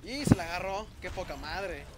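A man with a Mexican Spanish accent giving live gameplay commentary, excitable and cursing at enemies. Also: high voice, normal speed, very noisy. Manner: excitable, swearing, shouting at enemies. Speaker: gameplay video host.

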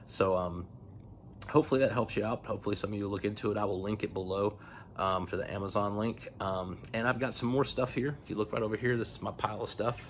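A man's voice: lowish voice, quick pace, slight background noise. A man in his forties casually demoing gear in his home garage, rambling with lots of ums, filmed on a phone held at arm's length. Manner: relaxed, rambling, many ums. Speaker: motorcycle vlogger. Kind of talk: casual product demo. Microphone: phone camera at arm's length.

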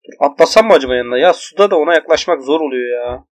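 A young man giving excited let's-play commentary, shouting exclamations and cursing at enemies as he plays. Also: a little high, rapid-fire. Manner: loud exclamations and swearing at enemies. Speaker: gaming YouTuber.

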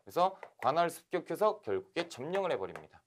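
A man from Korea giving a lively history lecture for exam candidates, telling the events as animated stories. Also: a little high, quick pace, a little hiss or hum. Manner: animated storytelling, acting out scenes. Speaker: history instructor.

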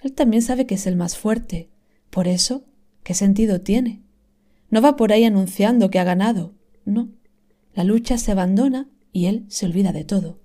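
A woman reading an inspirational text aloud in a calm, scripted manner, slowly and softly, sometimes dropping to a whisper. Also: medium pitch. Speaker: reader of inspirational texts.

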